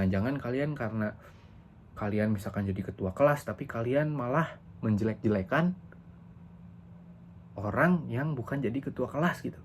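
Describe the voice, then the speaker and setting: A young male teacher explaining things to young students in a relaxed, talkative way. His pitch sits in an ordinary middle range. A faint hiss runs under the recording. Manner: chatty, leans on fillers like "gitu" and "kayak"; sings slow demo lines. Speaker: English teacher. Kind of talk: casual classroom teaching.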